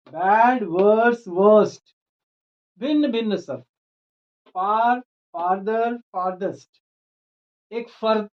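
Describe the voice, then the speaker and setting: A man teaching an English grammar lesson, explaining rules step by step and spelling words out letter by letter. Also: high voice. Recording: dull lo-fi recording.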